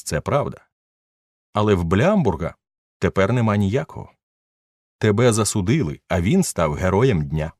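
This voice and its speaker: A man voicing an older father who lectures his son in a measured, stern but fond way. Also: deep voice, darkish tone, no room sound, studio quality.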